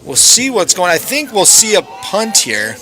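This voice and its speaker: Excitable man calling a football game. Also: high voice, measured pace, faint music behind. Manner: excitable, rising sharply on big plays. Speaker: play-by-play commentator. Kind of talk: live sports commentary.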